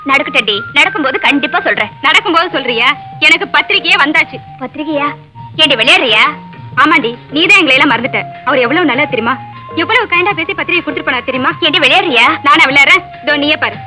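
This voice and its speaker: A woman's voice: high voice, lively intonation, quick pace, bright, forceful tone, soft background music, full character voice. An actress playing a chatty, teasing young woman friend in a Tamil film, speaking with a Tamil accent.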